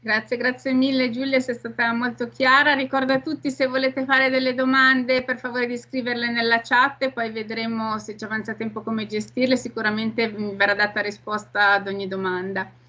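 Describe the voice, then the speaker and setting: A woman's voice: a little high, level tone, moderate pace, hardly any pauses, bright, forceful tone. A middle-aged woman moderates an online conference over a video call, introducing speakers. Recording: slightly dull video call sound.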